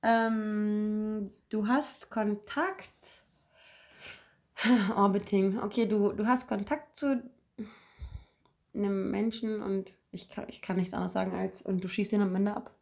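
A young woman chatting in a relaxed podcast conversation. She tells her stories in an animated way, full of little fillers and restarts, and her pitch sits in the middle of the range. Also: slow pace, creaky, pauses often. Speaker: podcast co-host. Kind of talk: casual chat.

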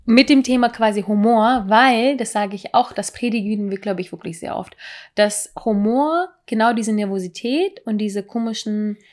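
A woman's voice: a little high, moderate pace, a little mellow. A young woman co-hosting a podcast, chatting casually about dating tips in a rambling way. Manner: chatty, rambling, acts out quoted lines. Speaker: podcast co-host.

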